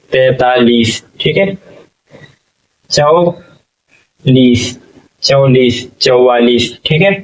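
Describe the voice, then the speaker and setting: Male teacher, classroom lesson, slow and patient, keeps asking "okay?", distant muffled sound. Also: medium pitch. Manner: patient, drawn-out syllables, frequent "okay?" checks.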